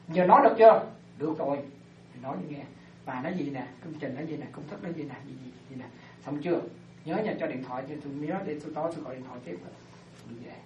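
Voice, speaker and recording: A woman Buddhist teacher giving an animated dharma talk to lay followers, often checking that they follow. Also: deep voice, slight background noise. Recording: roomy, distant, dull lo-fi sound.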